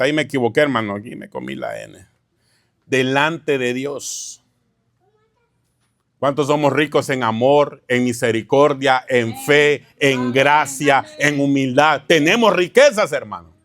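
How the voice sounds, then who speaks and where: Pastor guy preaching in church, bit high voice, keeps going "hermano?" at the crowd. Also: fairly bright tone, dry recording, clean studio sound. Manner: peppers lines with "hermano" and rhetorical questions. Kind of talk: teaching sermon.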